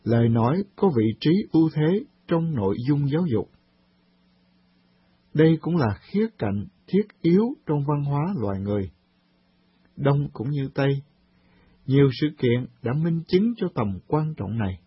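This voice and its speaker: A man presenting a scripted radio talk programme, reading in a calm, measured way. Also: a little high, breathy edge, no room sound. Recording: dull lo-fi radio recording.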